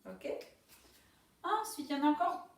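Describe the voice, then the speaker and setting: A woman, a primary school teacher giving a dictation lesson to young pupils, saying each syllable slowly and carefully. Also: high-pitched, heavy reverb, recorded from a distance.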